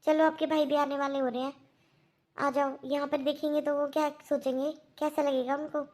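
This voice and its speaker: A woman voicing a middle-aged mother-in-law who speaks quietly and apologetically in a cartoon. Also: high-pitched, level tone, fairly quick, a little hiss or hum, lightly acted. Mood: remorseful.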